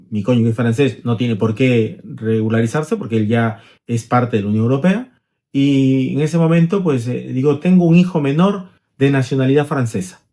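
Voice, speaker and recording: A man's voice: medium pitch, warm tone. Middle-aged male lawyer, conversational explainer, illustrative examples, frequent tag questions. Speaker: immigration lawyer.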